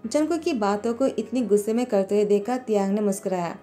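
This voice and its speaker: A woman narrating a story with plain, steady storytelling. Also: medium pitch, fast talker. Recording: voice-over with background music.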